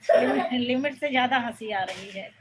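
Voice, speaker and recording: A woman's voice: high-pitched, moderate pace, very noisy. A woman hosting a casual live stream from a room at home on a phone. She greets viewers by name and scolds a child off to the side.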